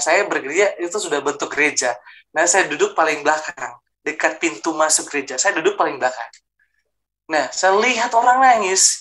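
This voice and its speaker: A man's voice: fairly high pitch, fairly bright tone. A middle-aged man from South Sulawesi tells his conversion testimony and acts out the dialogue of the people in it. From Jeneponto, South Sulawesi, Indonesia. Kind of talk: personal testimony storytelling.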